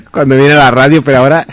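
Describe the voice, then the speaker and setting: A man's voice: fairly high pitch, big pitch swings, fairly quick, a bit bright, dry recording. A man co-hosting a radio show, teasing and sarcastic in casual banter.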